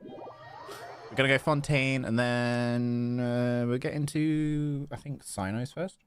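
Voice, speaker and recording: Between reactions to his game, this streamer talks to his audience in a loose, distracted way. He has a medium pitch and a steady tone, and he takes his time. Quiet music runs underneath.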